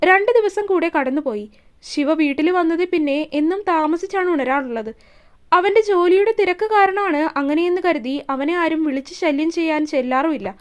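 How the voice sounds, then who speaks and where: High-voiced woman reading a romance story. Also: fairly quick. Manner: steady, expressive reading.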